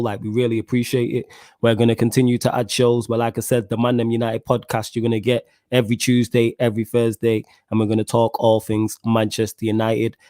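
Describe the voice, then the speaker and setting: Man, London roadman accent, slangy podcast host, casual football chat, medium pitch, dry recording. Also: darkish tone, no echo. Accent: London, roadman-style street slang. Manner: slangy street talk, addressing listeners and co-host.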